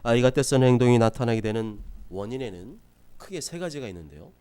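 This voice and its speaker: A male pastor preaching a sermon from South Korea, lively, acting out scolding parents in quick asides. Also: medium pitch, clear, resonant tone. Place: church sanctuary.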